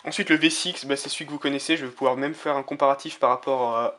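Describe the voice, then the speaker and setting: A man talks his viewers through an unboxing in a relaxed, chatty way. His voice is bright and forward, and he gushes over each item while pausing often to find his words. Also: mid-range voice. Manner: enthusiastic, keeps calling things magnificent, frequent hesitations. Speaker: YouTuber unboxing playing-card decks. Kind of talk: casual unboxing commentary.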